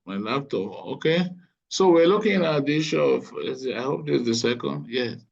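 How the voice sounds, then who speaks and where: A man's voice: medium pitch, lively intonation, moderate pace, creaky. A man tutoring anaesthesia students over a video call, quizzing them and teasing them along. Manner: encouraging, teasing, gives marks. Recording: dull lo-fi call audio.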